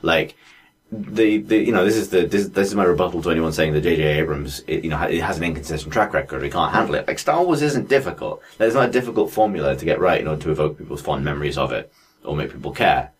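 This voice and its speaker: A man's voice: very deep voice, animated, fast talker, slightly rough. A man co-hosting a podcast, talking in casual, profane, emphatic chat and laughing often. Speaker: podcast co-host.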